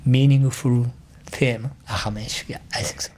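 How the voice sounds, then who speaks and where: A man with a Japanese accent, a musician and native Japanese speaker, answering interview questions in English, halting and searching for words. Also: medium pitch, fairly even intonation, darkish tone.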